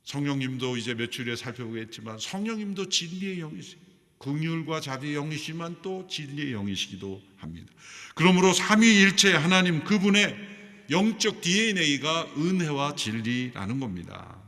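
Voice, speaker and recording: A man's voice: medium pitch, very animated, normal speed, fairly bright tone. A middle-aged man preaching a sermon as senior pastor, emphatic, with his voice rising sharply on key phrases. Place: large church sanctuary. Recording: long hall reverb.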